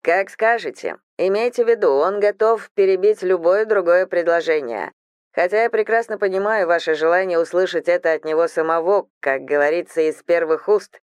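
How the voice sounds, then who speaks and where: Fawning thirtyish male assistant, read by a woman narrator, ingratiating but trying to stay dignified, a touch low. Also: normal speed, smooth, dry recording, lightly acted.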